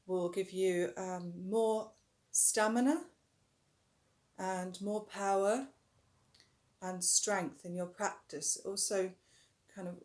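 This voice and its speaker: A woman with a mid-range voice, slightly rough today, gives a calm, instructive yoga breathing tutorial. While guiding the breath she sometimes draws words out slowly and lets her voice go softer.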